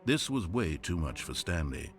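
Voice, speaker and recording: A man's voice: low voice, very animated, normal speed. A man voicing a wry, teasing narrator in a video game, in scripted narration. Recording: guitar music playing behind.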